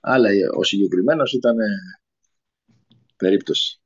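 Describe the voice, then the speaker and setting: A man speaking as a guest on a talk radio show, hesitant and full of filler sounds, with a husky voice. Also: lowish voice. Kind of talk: unscripted radio conversation. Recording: lo-fi radio recording.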